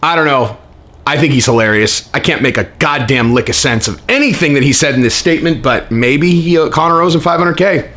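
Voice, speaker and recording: Higher-pitched man on an incredulous rant. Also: fairly quick, a little hiss or hum. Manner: animated, incredulous ranting with repeated rhetorical questions. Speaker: host of an MMA commentary channel. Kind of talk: casual, profane reaction commentary.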